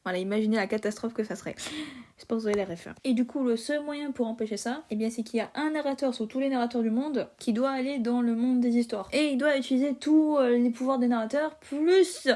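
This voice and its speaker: A woman's voice: a little high, quick pace, warm tone. A woman YouTuber casually recapping a story in a chatty, slangy way, with swearing. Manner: chatty, slangy, swears and laughs while retelling.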